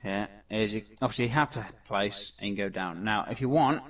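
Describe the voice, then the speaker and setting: A man's voice: on the low side, normal speed, a bit bright, far from the mic. A man hosting a casual gameplay commentary, talking in a rambling way with many fillers and restarts. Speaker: gaming channel host.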